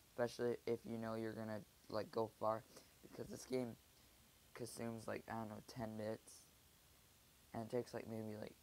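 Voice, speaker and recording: A man who is sick, speaking softly and rambling hesitantly in a casual app review vlog. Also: fairly low pitch, slight background noise, poor audio. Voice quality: soft-spoken, subdued. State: sick, keeping voice quiet.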